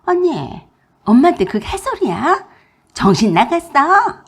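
A woman's voice: big pitch swings, measured pace, heavily acted. A woman voicing a snippy young sister-in-law who mocks and talks back sharply, in a radio-drama story reading. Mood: indignant. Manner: mocking, sharp, high-pitched.

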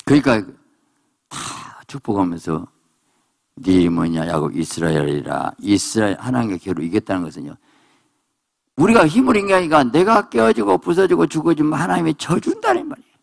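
A man preaching a sermon at a prayer retreat, animated and acting out voices in quotes. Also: moderate pace, gravelly. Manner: animated preaching, voices characters in quotes, jumps to high exclamations. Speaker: pastor.

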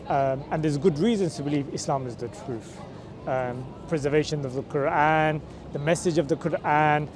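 Out in a crowded city square, a man preaches on the street, and a camera mic a few meters away records his somewhat high, slightly mellow voice. Chatting with passersby, he pushes his questions persuasively, repeatedly asking "right?" and similar checks.

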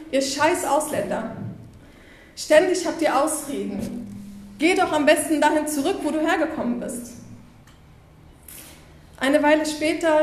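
A Berlin woman in her twenties gives a stage talk at a conference in a bright, windowed room, speaking into a headset mic. Her voice is high and reverberant, and she tells stories earnestly, acting out the things people said to her.

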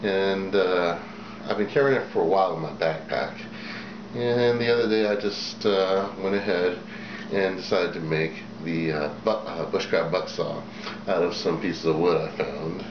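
A man's voice: deep voice, unhurried. A middle-aged man hosting a casual show-and-tell video at a table, talking in a plain-spoken, rambling way with many fillers. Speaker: video host. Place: small indoor room at a table. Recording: echoey room, dull sound, background noise.

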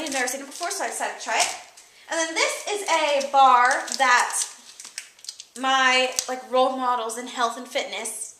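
A young woman talks through her grocery haul in a rambling, chatty way, full of fillers. Her voice sits high. The room is echoey, with steady noise behind her. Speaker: vlogger. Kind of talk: casual product haul chat. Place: room with a table by windows, indoors. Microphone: camera mic a few feet away.

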